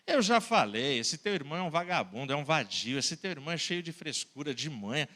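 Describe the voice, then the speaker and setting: A man preaching a sermon and voicing a stern father who scolds and shouts at his family. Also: on the high side, big pitch swings, fairly quick. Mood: scolding. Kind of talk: sermon storytelling.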